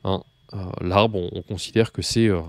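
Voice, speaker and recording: Low-voiced man teaching. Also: fairly even intonation, moderate pace, dry recording. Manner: hesitant, many fillers and restarts; addresses the learner informally, patient explaining. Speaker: Russian language teacher. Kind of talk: spoken language lesson.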